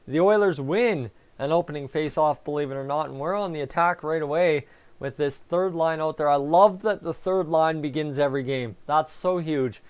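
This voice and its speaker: A man's voice: a little high, moderate pace, clean tone. A man hosting a live hockey fan reaction stream, chatting casually and answering viewers while talking with a sore, raw tongue. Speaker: fan livestream host.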